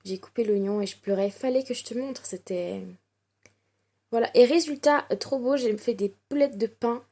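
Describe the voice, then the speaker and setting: A woman's voice: fairly high pitch, moderate pace, warm tone. A young woman from France chatting casually through a home vlog, self-mocking and full of fillers. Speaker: vlogger. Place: home, indoors.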